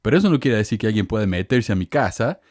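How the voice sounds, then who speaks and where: A man's voice: fairly low pitch, lively intonation, quick pace, a little mellow, no echo, clean studio sound. A man hosting a podcast, talking in a casual, sarcastic and indignant way. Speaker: podcast host. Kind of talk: casual monologue.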